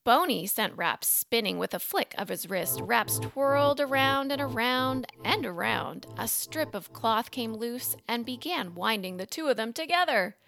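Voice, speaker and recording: A woman narrating a children's storybook in an animated, expressive way. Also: fairly high pitch, a little slow, vocal fry, few pauses.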